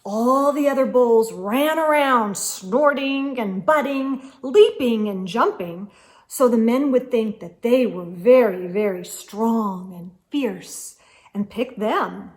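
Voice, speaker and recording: A woman with a fairly high voice reads a children's storybook aloud slowly. As host she reads expressively and with emphasis, addressing young listeners directly.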